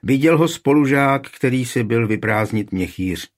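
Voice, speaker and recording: A man's voice: mid-range voice, expressive, natural voice. A man doing a smug, touchy town reeve. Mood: smug, indignant. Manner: smug and offended.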